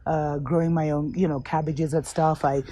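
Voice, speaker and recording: Husky woman hosting a spiritual vlog. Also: low voice, little pitch movement, dry recording. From Kenya. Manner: earnest, unhurried and encouraging, with soft asides. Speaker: host.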